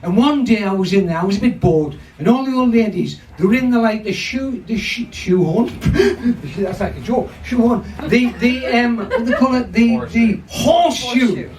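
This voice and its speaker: A man's voice: extremely high pitch, moderate pace, hardly any pauses. An older man from England, compering a pub comedy night with sweary, rambling crowd work and frequent laughs at his own jokes. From North East England. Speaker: comedy club MC. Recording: distant mic, lively crowd.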